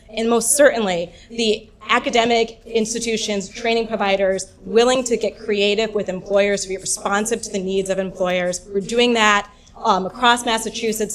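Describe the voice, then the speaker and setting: Upbeat woman official, ceremony speech, enthusiastic with casual ums, mid-pitched voice. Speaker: state labor secretary.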